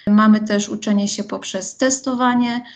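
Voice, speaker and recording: A woman's voice: medium pitch, fairly even intonation, normal speed. A woman speaking as an expert psychologist, explaining in long, structured sentences. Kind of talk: explanatory interview answer.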